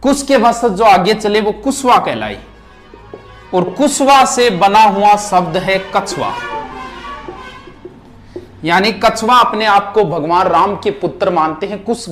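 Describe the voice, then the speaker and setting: A man teaching a history revision lesson at a board, reciting names and facts in quick lists. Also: high voice, a bit bright, faint music behind. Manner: rapid, list-like recitation. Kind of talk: fast exam revision lecture at a board. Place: classroom with board.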